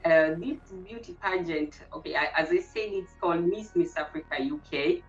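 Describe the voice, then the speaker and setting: A woman from Kenya in her thirties, a pageant contestant answering interview questions with many pauses and fillers. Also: on the low side, dull audio, soft background music. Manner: hesitant, many fillers and restarts.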